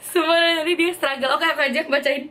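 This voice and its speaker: Against some background noise, a young woman from Indonesia answers viewer questions at home as a vlogger, reading each one out loud first. She speaks in a high-pitched voice, chatty and lively, in quick bursts of casual talk.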